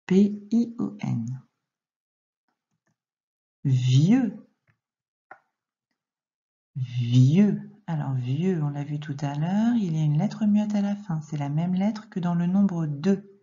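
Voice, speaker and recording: A woman teaching young children to read, speaking slowly and clearly and addressing the child directly as she dictates. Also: on the low side, mellow, lo-fi sound. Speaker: primary school teacher. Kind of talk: recorded reading lesson and dictation for young children.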